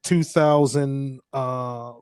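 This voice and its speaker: A man's voice: mid-range voice, steady tone, very slow, heavy background noise. A man, hosting a casual podcast chat, rambling, laughing often and swearing freely. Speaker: podcast host.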